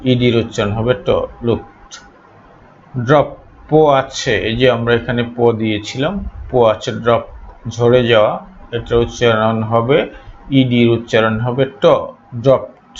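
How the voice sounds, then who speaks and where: A man from Bangladesh teaching a pronunciation lesson, saying each word slowly and repeating it again and again for his students. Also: medium pitch, steady tone. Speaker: English teacher. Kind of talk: slow spoken pronunciation lesson. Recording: dull lo-fi recording, faint noise.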